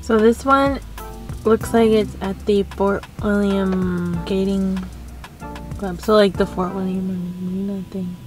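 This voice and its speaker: A woman's voice: mid-range voice, fairly even intonation, slow pace, darkish tone. A young woman chatting casually on a vlog from a car, laughing often, with music behind her. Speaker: vlog co-host. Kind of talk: casual chat.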